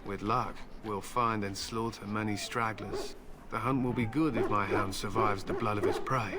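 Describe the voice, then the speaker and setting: A lowish, steady male voice at normal speed, lightly acted, voices a grim warrior-hunter with war hounds in a video game. Solemn and curt, he boasts of battle and his hounds amid heavy background noise and loud game music.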